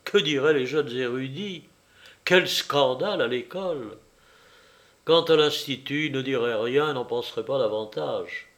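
A man reading a literary novel aloud in a measured, wry and reflective storytelling manner. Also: mid-range voice, fairly bright tone. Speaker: audiobook reader. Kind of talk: literary audiobook narration.

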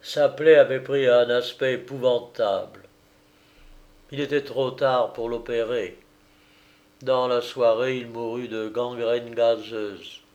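A man narrating an audiobook of an old detective novel in a slow, deliberate reading voice. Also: medium pitch, fairly even intonation, darkish tone, lo-fi sound.

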